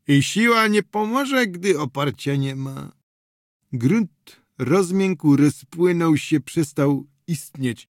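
A man's voice: mid-range voice, no room sound, studio quality. A man doing a slurring, rambling drunk.

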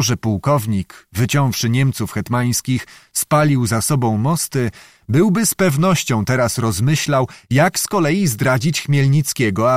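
A man narrates a historical novel in a measured, dramatic reading voice. His pitch sits in a middling range for a man. The recording is dry and close-miked, with no room echo. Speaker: audiobook narrator.

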